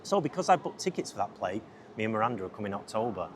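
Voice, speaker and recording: Guy with a lowish voice chatting away on his podcast, kinda distracted, lapel mic outside, pretty noisy. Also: big pitch swings, fast. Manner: easily distracted, chatty, self-interrupting. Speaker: podcast host and filmmaker. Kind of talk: casual rambling solo podcast talk. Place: outdoors on a busy city riverside. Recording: outdoor lapel mic with loud surrounding noise. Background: loud outdoor ambience.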